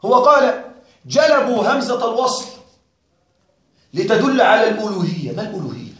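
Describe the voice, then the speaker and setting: Male teacher, classroom lecture, high voice, wry questioning tone, strong room echo. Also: animated, a little fast, a bit bright. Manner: questioning, wryly puzzled, addresses students directly. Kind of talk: classroom lecture on a grammar text. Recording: very echoey room.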